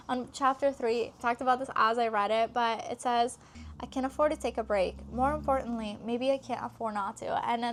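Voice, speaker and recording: A young woman from Greece talks through her latest reads in a casual vlog. Her voice sits a touch high, and she pads her sentences with easy filler words. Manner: chatty, lots of filler words. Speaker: book vlogger. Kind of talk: casual book review vlog.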